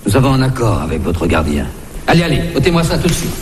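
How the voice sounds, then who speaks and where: A man's voice: mid-range voice, big pitch swings, fast talker, a little hiss or hum, lightly acted. An actor playing a stern, authoritative man who orders a captive woman to undress, heard in a film clip. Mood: commanding. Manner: curt, authoritative. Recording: film audio, reverberant hall with ambience.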